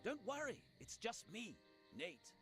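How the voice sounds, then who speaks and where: High-voiced, swooping, theatrical paladin. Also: male voice, big pitch swings, a little slow. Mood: grand, resolute. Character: vain, righteous male paladin in a fantasy spoof. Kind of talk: video game character acting. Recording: game music behind the voice.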